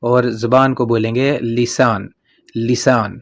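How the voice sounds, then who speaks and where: A man with a Pakistani accent teaching vocabulary in a casual spoken lesson, patiently repeating each word and often pausing with fillers. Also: medium pitch, level tone. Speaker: language teacher.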